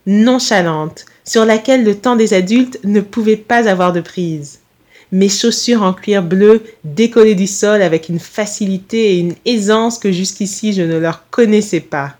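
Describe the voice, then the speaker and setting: A woman reads her own first-person short story aloud. Her delivery is calm, measured and reflective, a steady scripted narration. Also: medium pitch.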